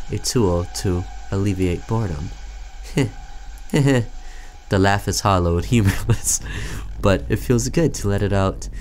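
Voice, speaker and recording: Reading a game's text aloud and reacting casually along the way, a gaming video host gives informal let's-play commentary in a low, darkish-toned voice. The recording is low quality, with slight background noise.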